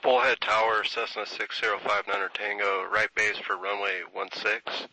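A man's voice: lowish voice, level tone, moderate pace, sharp tone. A man speaking as a pilot over a headset radio, making calls in aviation phraseology. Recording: faintly noisy, clicking radio link.

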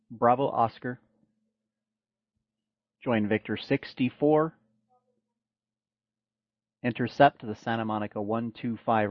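A man's voice: medium pitch, no room sound. A man working as an air traffic controller, speaking in procedural radio style on dull, lo-fi audio.

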